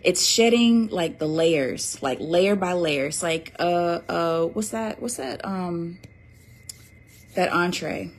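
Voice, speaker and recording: A woman's voice: lowish voice, slow pace. Chatty woman on a livestream. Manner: chatty, reads viewer comments aloud, fillers and restarts. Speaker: livestream host selling an oracle deck. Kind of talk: casual livestream chat.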